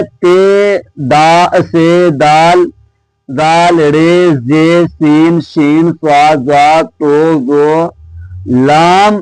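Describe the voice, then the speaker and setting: Male teacher, unhurried, asks and answers his own questions, dry close sound. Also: a little high, no room sound, low-quality recording. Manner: slow and patient, poses questions and answers them himself; reads out lists of letter names one by one. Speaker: Urdu grammar teacher. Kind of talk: exam-prep lesson.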